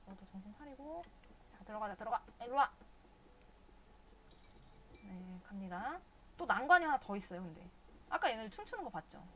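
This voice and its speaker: A woman's voice: fairly high pitch, slight background noise. A woman streaming a video game live, chatting casually and cursing at the characters in exasperation.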